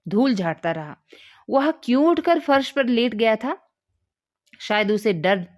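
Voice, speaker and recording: A woman narrating a literary story in a measured, even way. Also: on the high side.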